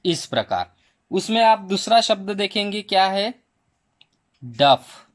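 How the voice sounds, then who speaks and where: A man teaching a primary school Hindi lesson, slowly sounding out each letter and vowel sound for children. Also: high-pitched, lively intonation. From India. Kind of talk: slow spelling lesson for children.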